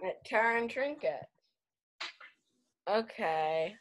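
A woman acting as game master, narrating a tabletop game casually in a halting, improvised way. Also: medium pitch, lively intonation, a little hiss or hum, rough recording.

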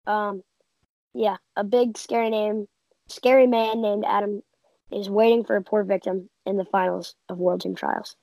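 Co-host: woman with a gravelly, fry-laced voice, dry close sound, sure of her takes. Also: mid-range voice, steady tone, a little slow, warm tone, no room sound, rough recording. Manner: confident, opinionated predictions. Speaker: podcast co-host. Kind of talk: casual sports chat.

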